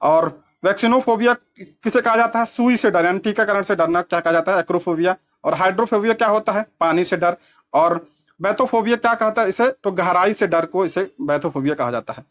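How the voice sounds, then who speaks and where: A man's voice: high-pitched, a little fast, fairly bright tone. A man teaching as an exam coaching teacher, explaining practice questions step by step and repeating key terms to check that they sink in.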